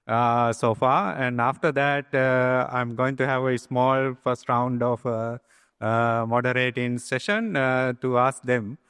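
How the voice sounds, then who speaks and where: Halting male moderator in podium speech, hall reverb. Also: medium pitch, a bit bright, clear, resonant tone, clean studio sound. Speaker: panel moderator. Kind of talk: podium speech, introducing panelists. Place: large conference hall.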